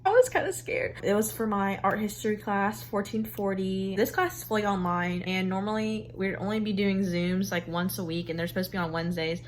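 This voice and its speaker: A woman's voice: medium pitch, flat delivery, fairly quick, few pauses. A young adult woman, a student vlogger, chatting casually to the camera in an informal, slangy, rambling way. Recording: noticeable background ambient noise.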